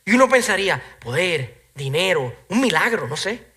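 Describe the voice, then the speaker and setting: A man preaching a sermon as pastor, animated and emphatic, now and then slipping English phrases in. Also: high voice, moderate pace. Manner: animated preaching, rising to loud emphatic peaks.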